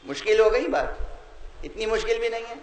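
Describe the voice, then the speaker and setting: A man preaching a sermon, posing questions to his listeners and building slowly to loud, drawn-out emphatic peaks. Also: sits high, expressive, poor audio. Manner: slows and rises to loud emphatic peaks, rhetorical questions to the audience. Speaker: religious scholar.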